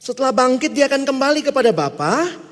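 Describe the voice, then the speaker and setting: A man preaching a sermon in a lively, joking way, now and then mimicking the people he quotes. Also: very high voice, fairly quick. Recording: long hall reverb.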